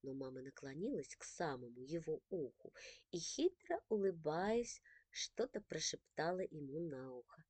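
Expressive woman reading a children's story. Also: sits low, moderate pace, slightly rough, no echo. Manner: expressive, shifting with the story's mood. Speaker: narrator. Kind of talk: audiobook narration.

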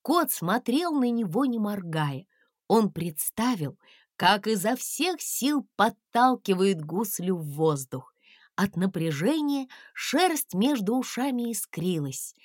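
A woman reading a children's storybook aloud in an expressive, measured way. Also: medium pitch, no room sound, studio quality. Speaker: audiobook narrator. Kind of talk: scripted storybook narration.

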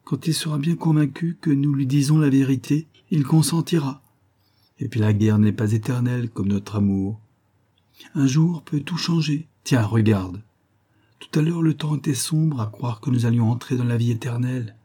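A man reading the part of a young naval lieutenant who gently reassures his beloved. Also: medium pitch, normal speed, husky, lightly acted. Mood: tender. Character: young male naval lieutenant, tender and hopeful lover.

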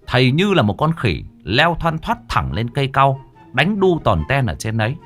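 A man narrating a comic folk tale in a lively, animated storytelling manner. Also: medium pitch, moderate pace, faint music behind.

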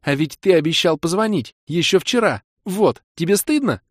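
A man's voice: high-pitched, animated, no room sound, clean studio sound, voice pushed up. A man reading an audiobook voices a hot-tempered young woman who scolds her boyfriend, then teases him. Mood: indignant. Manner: indignant, scolding, quick to forgive. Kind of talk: audiobook character voice.

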